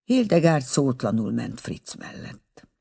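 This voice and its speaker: A man narrating an audiobook with expressive storytelling. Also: medium pitch, creaky, slightly rough.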